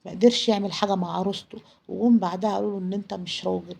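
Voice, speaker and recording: A woman voicing a jaded, dismissive Egyptian café owner who explains things flatly. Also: medium pitch, racing, creaky, husky. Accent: Egyptian Arabic. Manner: matter-of-fact, dismissive.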